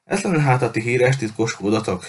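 A man's voice: mid-range voice, expressive, slight background noise, lightly acted. A man voicing an eager young boy. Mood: puzzled. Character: excited young boy adventurer. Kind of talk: audiobook character voice.

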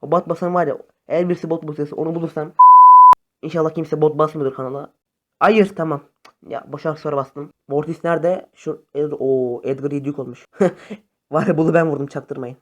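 A young man chatting casually to his viewers over phone gameplay, excitable and friendly. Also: fairly high pitch, a little fast. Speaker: gaming YouTuber. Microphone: phone camera facecam.

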